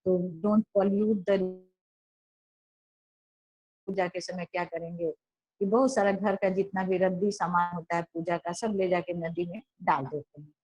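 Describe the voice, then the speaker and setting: Slow woman teacher. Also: lowish voice, fairly even intonation, a little mellow, no echo, rough recording. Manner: explains slowly, repeats and rephrases; reads English lines slowly, explains them in Hindi. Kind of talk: classroom lesson mixing Hindi and English.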